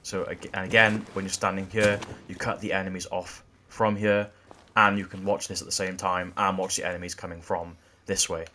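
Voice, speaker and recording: A man walking through video game tactics in a gameplay tutorial, explaining in a steady way that often repeats "again". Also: sits low, moderate pace, a little hiss or hum. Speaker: gaming channel host.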